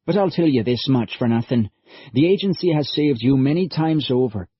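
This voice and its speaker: A husky-voiced man voicing an earnest young male time-traveller who talks in a lively, folksy way. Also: medium pitch, normal speed, dry recording, voice pushed up. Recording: dull lo-fi audiobook recording.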